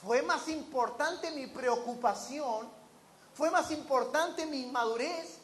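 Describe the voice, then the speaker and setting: A man with a high, light voice delivers a sermon to his congregation. He keeps the room engaged with rhetorical questions and acts out the voices of the people he quotes, over a faint hum of background noise. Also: takes it slowly, fairly bright tone. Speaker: preacher.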